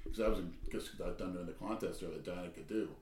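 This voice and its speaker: Deadpan rambling male co-host, lowish voice, echoey and distant from the mic. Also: quick pace. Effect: echoey sound, far from the mic. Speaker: podcast co-host. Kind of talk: crude casual banter. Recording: echoey room with faint noise.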